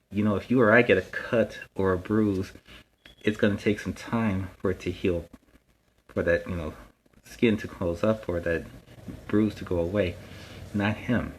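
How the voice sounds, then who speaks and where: A man plays Spider-Man as a friendly masked superhero hosting a children's story time. The voice sits fairly low, and he rambles along casually, explaining things in simple words. There is some noise in the background of the recording. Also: close to an everyday voice, poor audio. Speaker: host of a story time series.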